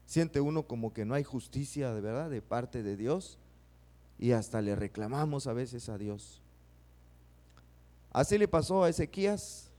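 A man's voice: mid-range voice, expressive, a little slow, mellow. A man preaching a sermon, acting out prayers and putting questions to the congregation.

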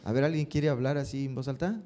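A fast-talking man with a medium-pitched voice preaches to his congregation, repeatedly stopping to ask them questions. He punctuates points with spirited, rising emphasis.

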